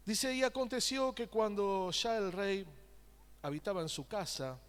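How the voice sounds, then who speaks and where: A pastor preaches from the pulpit in a long, echoing church hall. His voice sits high for a man, and he keeps the congregation involved with call-and-response questions and wry asides. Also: expressive, unhurried, a bit bright, clear, resonant tone. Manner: joking, conversational asides. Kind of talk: sermon. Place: church sanctuary.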